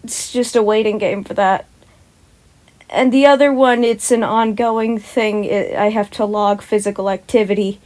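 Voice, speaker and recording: A young woman who hosts a podfic channel opens with a casual, chatty intro and then reads a story aloud in an informal, amateur style, occasionally stumbling over words and correcting herself. Her voice is medium-pitched and darkish, with fairly even intonation and a normal speed.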